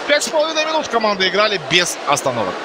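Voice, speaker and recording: A man giving live ice hockey commentary in a conversational way, pausing to find words. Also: sits high, huge pitch swings, heavy background noise.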